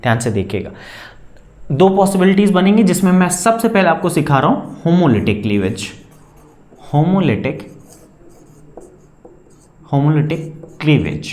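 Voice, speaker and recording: A man's voice: fairly high pitch, sing-song, darkish tone. A man teaching chemistry, coaxing students he calls beta and answering his own questions. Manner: dictates definitions slowly, word by word. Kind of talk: classroom lecture. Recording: echoey room.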